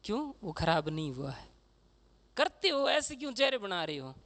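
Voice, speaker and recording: High bright-voiced male teacher. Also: sing-song, normal speed. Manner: chatty, says "theek hai" constantly, acts out regional speech. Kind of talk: classroom lecture.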